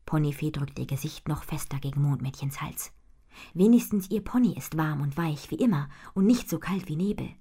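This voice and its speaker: A woman reading a children's fairy story aloud in a hushed, half-whispered storytelling manner. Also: deep voice, lively intonation, normal speed, breathy edge. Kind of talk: children's audiobook narration.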